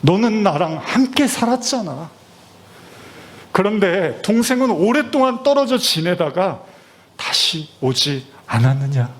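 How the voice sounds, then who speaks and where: An older father pleads earnestly with his angry son, as a preacher puts him on. The voice rises and presses, warm in intent but urgent. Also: high voice, sing-song, a little slow, pitched above the performer's own voice. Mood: pleading. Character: forgiving old father pleading with elder son.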